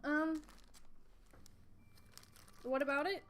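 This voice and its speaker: This teenage girl's high-pitched voice moves extremely slowly as she chats on a bedroom livestream, rambling and giggling with lots of fillers. A streaming desk mic catches slight background noise, and a game soundtrack plays faintly.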